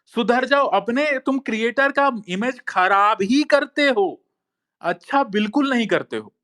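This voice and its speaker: A man's voice: very high voice, expressive, unhurried, pushed and bright. A man giving a heated monologue in an online talk space, insistent and repetitive, often calling listeners brother. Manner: insistent, repeats phrases and says "bhai" often. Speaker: social media commentator.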